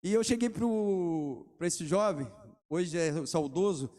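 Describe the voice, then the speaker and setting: A man's voice: sits high, expressive, slow pace, mellow. A middle-aged man, preaching a sermon and asking the congregation rhetorical questions between testimony stories. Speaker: pastor.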